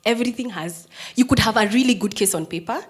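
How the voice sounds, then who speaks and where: Speaking fast with a husky, fairly high voice, a thirty-something Kenyan woman who works as a prosecutor delivers a personal storytelling talk. Her delivery is strong and firm, swinging from hushed, whisper-like passages to loud, emphatic ones.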